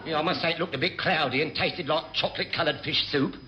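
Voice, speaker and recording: An actor playing a wily, cheeky chief petty officer in a radio sitcom, brash and offhand. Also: male voice, on the high side, quick pace, highs cut off, background noise, lightly acted. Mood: breezy, sly. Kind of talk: classic British radio sitcom acting.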